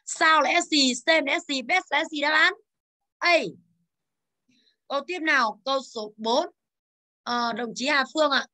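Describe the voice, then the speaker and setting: Bright high-voiced woman teaching a class. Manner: brisk, calls on students by name, drills pronunciation. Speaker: English teacher. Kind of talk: classroom exercise review.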